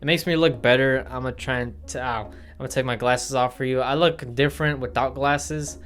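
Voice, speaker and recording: A young man talks straight to camera in an indoor room, rambling through facts about himself with fillers and restarts. His pitch sits mid-range for a man. Soft guitar music plays faintly behind him. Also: steady tone, brisk. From Milwaukee, Wisconsin, USA. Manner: rambling, filler-heavy, self-correcting. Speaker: vlogger. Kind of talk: casual facts-about-me vlog. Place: indoor room with studio lights. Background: faint background guitar music.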